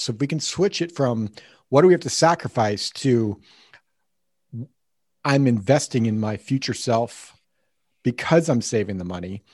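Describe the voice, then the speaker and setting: A man's voice: mid-range voice, a little mellow, no room sound, clean studio sound. A man talking conversationally as a podcast host, explaining things like a coach.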